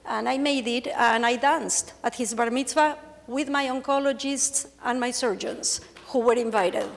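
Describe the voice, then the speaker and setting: At a measured pace, a slightly high, creaky voice carries through long hall reverb and a bit of background noise. The speaker, an Argentine woman in her forties whose first language is Spanish, speaks in an Argentine accent as she gives a candid, joking conference presentation as a patient, on stage in a large hall.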